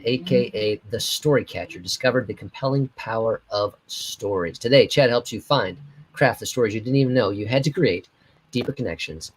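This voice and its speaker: A man's voice: lowish voice, slight background noise, low-quality recording. A man co-hosting a casual video-call chat, reading an intro and cracking dry jokes. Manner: dry joking. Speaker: podcast co-host.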